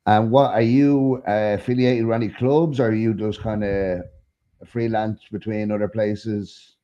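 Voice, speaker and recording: Deep, dark-toned man on a dull lo-fi recording. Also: fairly even intonation, measured pace. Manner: laid-back, short reactions and questions. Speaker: podcast co-host. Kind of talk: casual interview chat.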